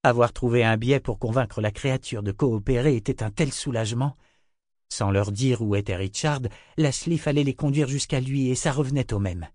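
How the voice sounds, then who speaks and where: A man's voice: mid-range voice, moderate pace, no echo, clean studio sound. Man narrating a fantasy audiobook. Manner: steady, expressive reading.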